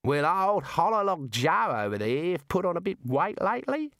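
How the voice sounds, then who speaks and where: A man puts on a laid-back barman with a high, casual drawl. He sounds easygoing and unhurried. The recording is dry and close. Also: sing-song, a bit bright, dry recording, heavily acted.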